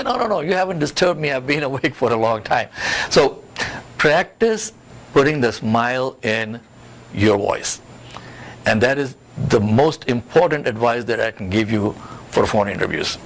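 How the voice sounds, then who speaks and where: Very animated and speaking at a moderate pace, a man with a mid-range voice offers career advice as a coach in an interview. He is instructive and emphatic, coming back to key points, while clear background noise runs through the recording.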